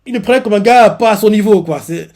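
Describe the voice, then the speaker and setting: A man's voice: high-pitched, quick pace, a little mellow. Man rambling through a manga recap. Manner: rambling, many fillers and restarts. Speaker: manga reaction host. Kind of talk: casual recap narration.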